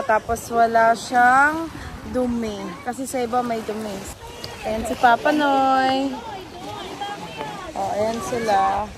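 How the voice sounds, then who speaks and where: High-voiced woman vlogging casually. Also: noisy background. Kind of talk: casual vlog chat. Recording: chatter of people around.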